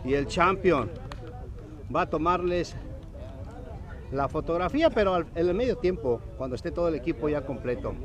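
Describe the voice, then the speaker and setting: A man's voice: a little high, moderate pace, long pauses. A man commentating on an amateur football match in an upbeat, effusive way. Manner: effusive greetings to viewers. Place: outdoors beside a park football field. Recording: outdoor recording with faint crowd noise.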